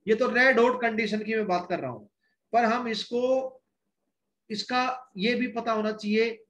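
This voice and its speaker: A man's voice: extremely high pitch, measured pace, a bit bright, reverberant. A man teaching a chemistry lecture, explaining step by step and firing off rhetorical questions to his students. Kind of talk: classroom lecture in Hinglish.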